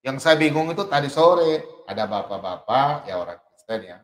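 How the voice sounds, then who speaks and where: A man preaching a heated sermon, emphatic and mocking, swinging between loud outbursts and low asides. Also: expressive, moderate pace, reverberant.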